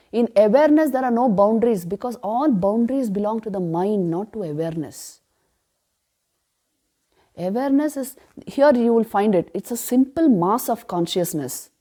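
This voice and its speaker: A woman giving a spiritual retreat class on scripture, emphatic, asking rhetorical questions and answering them, and chanting verses slowly. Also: a little high, animated, warm tone. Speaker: spiritual teacher.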